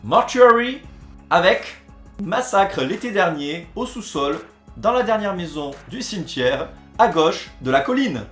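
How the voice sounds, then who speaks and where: Sarcastic man with a lively, high voice. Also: a little slow, soft background music. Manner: sarcastic, mock-dramatic, jokey asides. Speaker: host of a comedy video series. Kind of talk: comedic voice-over commentary. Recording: roomy echo.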